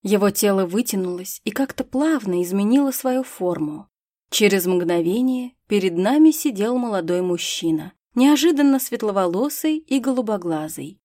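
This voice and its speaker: A woman narrating a first-person audiobook in a steady, clear storytelling manner. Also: medium pitch, normal speed, no echo, studio quality.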